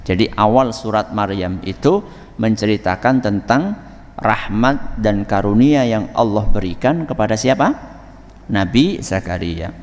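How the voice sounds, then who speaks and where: Javanese-accented preacher in a reverberant mosque. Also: male voice, fairly low pitch, expressive, a little mellow. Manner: asks the audience questions and waits for answers; recites Arabic verses slowly, then explains. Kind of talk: sermon. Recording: long reverb of a mosque hall.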